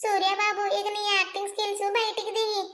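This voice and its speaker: A woman's voice: very high voice, level tone, quick pace, fairly bright tone. A woman voicing a sly meddling neighbor aunt. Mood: mocking. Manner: sly, mocking. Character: meddling middle-aged female neighbor, gossipy. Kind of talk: cartoon voice acting.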